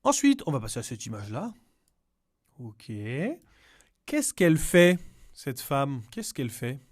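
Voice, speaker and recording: A man teaching to beginners, repeating words slowly and explaining in Spanish, patient and clear. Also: medium pitch, wildly swooping pitch. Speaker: French teacher. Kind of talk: slow, clear language lesson.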